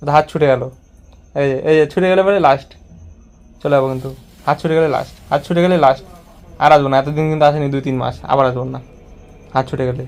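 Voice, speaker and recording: A man's voice: a little high, fairly even intonation, fast talker, long pauses, darkish tone. A man filming a casual home vlog, teasing and coaxing a child in a playful way, often repeating his words. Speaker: vlogger.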